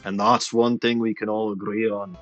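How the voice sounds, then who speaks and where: A man whose voice comes through a voice changer that drags it lower. He rambles in a jokey mock-pirate manner. Soft music plays quietly behind him. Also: flat delivery, moderate pace, highs cut off. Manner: playful mock-pirate talk with "aye" and "lad". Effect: voice changer shifting the voice deeper. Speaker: streamer. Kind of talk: rambling livestream commentary.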